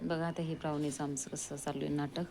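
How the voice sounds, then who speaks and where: A woman vlogging at home, calm asides to viewers mixed with high, coaxing baby talk to her dog. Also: brisk, heavy background noise. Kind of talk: casual vlog talking to her dog.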